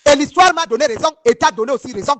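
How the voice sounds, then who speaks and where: A woman's voice: high voice, lively intonation, very fast. A woman from northern Cameroon, giving heated first-person testimony straight to her viewers, emphatic and rambling, often repeating herself and asking if they follow. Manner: emphatic and rambling, with many repeated words and restarts.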